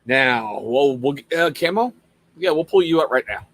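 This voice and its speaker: A man's voice: fairly high pitch, expressive, moderate pace, a bit bright, no room sound. A man hosting a casual livestream interview, upbeat and reading out viewer questions from the chat. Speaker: host.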